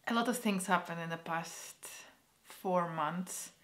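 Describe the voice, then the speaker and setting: A young woman from Poland, giving a personal vlog update in a halting, hesitant way that often drops to a soft near-whisper. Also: fairly low pitch. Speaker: vlogger.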